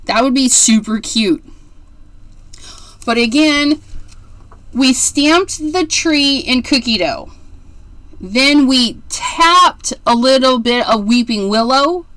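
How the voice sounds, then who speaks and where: A high, fairly bright voice belongs to a woman in her forties running a casual card-making livestream. Chatty and rambling, she keeps gushing about how cute things are. There's no room sound in the recording.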